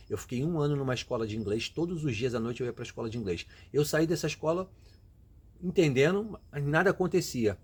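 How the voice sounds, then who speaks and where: A Brazilian man whose first language is Portuguese talks straight to camera, giving emphatic, motivational advice to his viewers in a casual style. His medium-pitched voice is darkish and slightly rough.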